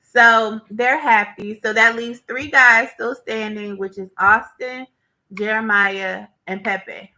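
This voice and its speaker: Bright-voiced woman recapping casually. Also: a little high, slow pace, poor audio. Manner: animated retelling, acts out quotes, chatty with fillers. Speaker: reality show recapper.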